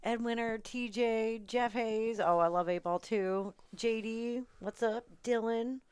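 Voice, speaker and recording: A woman co-commentating a pool match live, bubbly and quick to laugh, reading out viewers' names from the chat. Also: on the high side, darkish tone, clear, resonant tone, dry recording.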